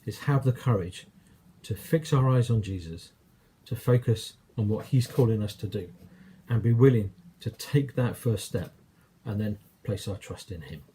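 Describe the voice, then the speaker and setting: A man's voice: fairly low pitch, moderate pace, dark tone, slight background noise. A man with an English accent preaching a sermon, telling a story in a conversational way and acting out quoted lines.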